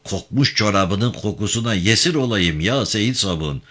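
A man's voice: on the low side, lively intonation, normal speed, fairly bright tone. A man reading a story voices a wounded, hardy man who soothes his wife in florid, tender words. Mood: tender soothing.

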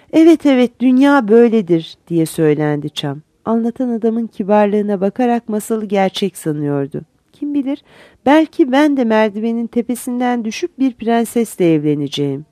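Woman storybook narrator, animated delivery, mellow warm voice, dry close sound. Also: on the high side, dry recording. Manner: expressive, animated fairy-tale telling. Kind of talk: storybook reading.

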